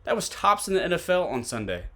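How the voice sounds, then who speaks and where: A man's voice: a little high, sing-song, fast, bright, forceful tone. A man with a Tennessee accent hosting a solo sports podcast, giving conversational football analysis and posing pointed rhetorical questions.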